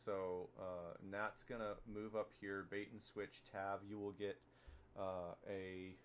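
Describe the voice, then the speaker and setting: Low guy dm'ing a tabletop game, lots of uhs and restarts, faint background hum. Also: level tone. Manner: halting, many fillers and restarts. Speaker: dungeon master.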